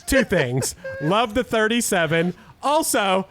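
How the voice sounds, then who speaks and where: A man's voice: high-pitched, slow. A man hosting a casual music podcast, talking animatedly and laughing often. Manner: animated, laughing often, reads song lyrics aloud. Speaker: podcast host.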